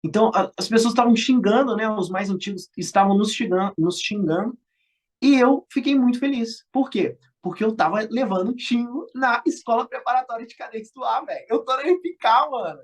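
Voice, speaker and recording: Lively young Brazilian man telling stories. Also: very high-pitched, fairly quick. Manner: animated, slangy, acts out quoted shouts. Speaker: guest, former military school cadet. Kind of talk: casual storytelling interview.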